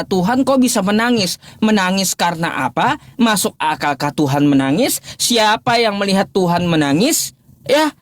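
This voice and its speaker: A man in a live-streamed religious debate, asking mocking, repeated rhetorical questions with laughter and stopping often to fiddle with his laptop. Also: sits high. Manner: pauses, restarts and fumbles with his laptop.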